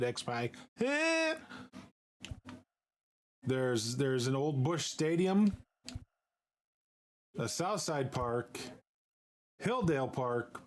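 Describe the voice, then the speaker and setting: A man streaming a baseball game, thinking out loud as he picks stadiums and players. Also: mid-range voice. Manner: musing aloud while picking players. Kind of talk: casual game commentary.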